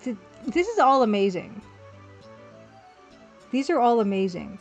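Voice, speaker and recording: A woman with a slightly high voice and big pitch swings speaks unhurriedly on a recording where the highs are cut off. She hosts an art livestream as a pixel artist, casually chatting while she draws, thinking aloud and replying to chat, with music in the background.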